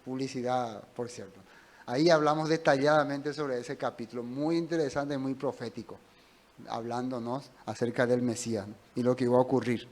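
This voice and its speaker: A man's voice: medium pitch, fairly even intonation, moderate pace, darkish tone. A male pastor gives a conversational Bible teaching, asking his listeners questions as he goes. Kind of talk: sermon.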